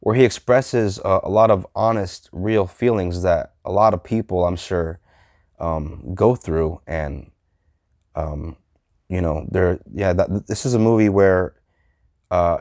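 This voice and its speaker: Thirties male vlogger, deep voice, loose and halting delivery, dry room. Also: fairly even intonation, a little mellow, no room sound. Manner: halting, heavy with fillers and restarts. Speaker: movie reviewer. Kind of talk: casual unscripted vlog.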